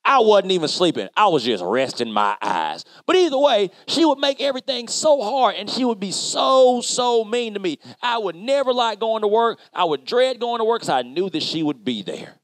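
A man playing an upbeat construction worker who tells a Bible story to children in an animated, chatty way. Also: sits high, normal speed, few pauses, no echo. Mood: lively. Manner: animated, chatty, addresses kids directly. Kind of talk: kids' Bible lesson storytelling.

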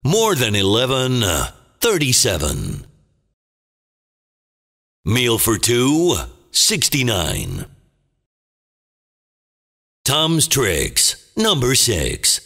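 A man playing a booming, dramatic movie trailer announcer, calling bingo in short theatrical phrases with a gravelly voice. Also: wildly swooping pitch, pushed and bright, full character voice. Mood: dramatic, portentous. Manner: theatrical, deliberate, clipped phrases. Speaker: bingo caller. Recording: long booming reverb.

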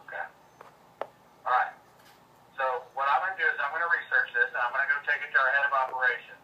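A man's voice: medium pitch, fairly even intonation, fast. Man on speakerphone, re-recorded from the room. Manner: apologetic, placating, stammers on restarts. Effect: phone call on speaker, re-recorded from the room. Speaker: mortgage lending executive. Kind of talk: phone call with a customer. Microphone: phone speaker picked up by another recorder. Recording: muffled distant speakerphone with faint hiss.

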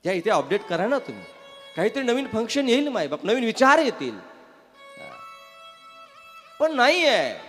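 High, animated man preaching a katha. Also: fairly quick. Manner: lively, coaxing the crowd to answer back. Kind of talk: devotional sermon to a live audience. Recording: reverberant hall with faint music.

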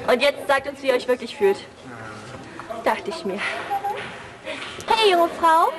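Her voice is high and sing-song, moving at a measured pace. This young woman is behind the camera backstage, commentating and joking around with the cast. A noisy crowd chatters in the background.

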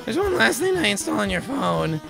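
A man's voice: sits high, sing-song, normal speed, vocal fry, over music, voice pushed up, exaggerated voice. A man voicing a nervous, earnest female scientist sidekick from a video game, stammering and hesitant. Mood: anxious encouragement.

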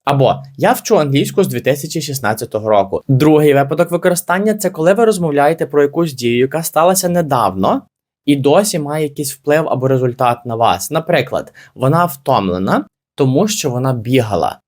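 A man's voice: on the high side, animated, brisk, darkish tone. A young man teaching English grammar in a video lesson, explaining patiently and repeating key points to reassure beginners.

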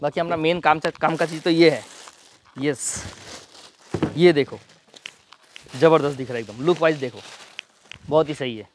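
A man casually reviewing and demonstrating a pressure washer, explaining each step quickly as he handles it. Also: fairly high pitch, slight background noise. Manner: rapid, hands-on explaining while demonstrating. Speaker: product reviewer. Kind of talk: casual product demo and review.

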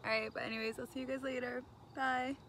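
A woman's voice: high-pitched, little pitch movement, fast, vocal fry, fairly bright tone, a little hiss or hum. A woman chatting casually in a behind-the-scenes vlog, upbeat and full of "like". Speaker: model and vlogger. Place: outdoors in woods and a car.

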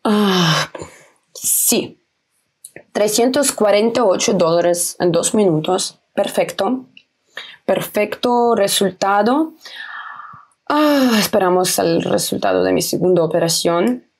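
Taking it slowly, this young trading video host speaks in an expressive, husky, mid-range voice. She records a casual tutorial of her screen indoors at home, webcam tucked in the corner, walking through trading steps simply with repeats and minor self-corrections.

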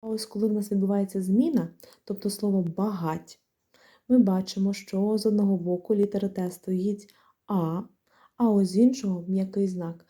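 A woman's voice: mid-range voice, mellow. A woman teaching a grammar lesson, explaining rules step by step and spelling out letters and example words. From Ukraine. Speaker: language teacher.

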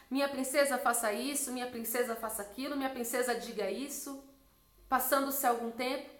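A woman in her twenties, a missionary, telling her personal testimony in an earnest storytelling way. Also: roomy sound. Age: 20s. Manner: earnest storytelling, drops soft and low when quoting God.

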